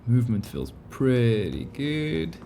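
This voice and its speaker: A man's voice: mid-range voice, very animated, slow pace, dark tone, a little hiss or hum. A man hosting a gaming video, giving casual, laid-back, musing commentary as he plays.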